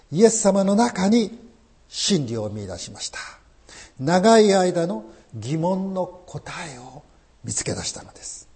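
A man's voice: fairly high pitch, mellow. A man preaching a sermon as pastor, emphatic and full of rhetorical questions.

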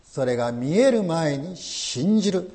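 A man's voice: on the high side, very animated, a little slow, warm tone. A man preaching a sermon as pastor, emphatic and full of rhetorical questions.

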